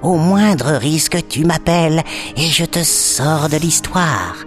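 A woman voicing a wise, kindly old female snake who speaks slowly and thoughtfully in a children's story. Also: low voice, music in the background. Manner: slow, thoughtful, gently scolding. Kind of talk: storybook acting.

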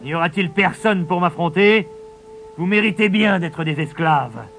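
A man's voice: high voice, unhurried, gravelly, a bit bright, faint music behind, voice pushed up, full character voice. A man voicing a boastful giant warrior who roars taunts at his enemies in a storybook reading. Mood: roaring taunt. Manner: roaring, mocking.

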